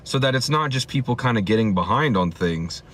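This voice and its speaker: A man's voice: medium pitch, lively intonation, brisk, fairly bright tone, a little hiss or hum. A man talking earnestly to camera in a clip, asking searching rhetorical questions.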